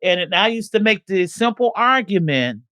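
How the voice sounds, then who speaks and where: A man's voice: sits high, expressive, normal speed, pushed and bright, no room sound, clean studio sound. A man interviewed as a community organizer, recounting events in a plainspoken, earnest way.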